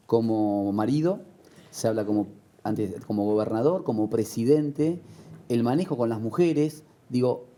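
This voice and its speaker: A man with an Argentine accent hosting a TV interview, quick and asking questions with short agreeing replies. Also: mid-range voice, mellow. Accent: Argentine Spanish. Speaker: TV host. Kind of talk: interview conversation. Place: TV studio.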